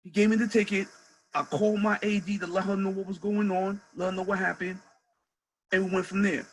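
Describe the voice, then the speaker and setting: A man's voice: high voice, level tone, fairly quick, a little hiss or hum, low-quality recording. A man, a head coach, telling a story casually and animatedly, repeating phrases for emphasis.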